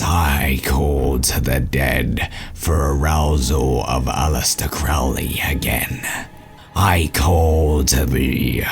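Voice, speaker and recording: A very deep, pompous alien warlord. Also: male voice. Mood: incantatory. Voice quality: deep, gravelly. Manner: pompous, theatrical, ceremonious. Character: Wrathchild, grandiose male alien occult warlord, obsequious and smug.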